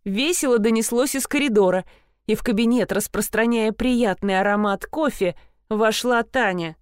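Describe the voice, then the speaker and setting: A woman narrating a first-person story with a wry, lively manner. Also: on the high side, normal speed, clear, resonant tone, no room sound, clean studio sound. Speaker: audiobook narrator.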